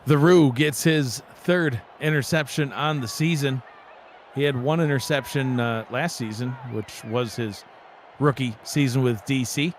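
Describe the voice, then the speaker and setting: A man doing relaxed play-by-play commentary for a simulated football broadcast, joking along and rising in excitement on big plays. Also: mid-range voice, unhurried, a little hiss or hum. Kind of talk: sports commentary.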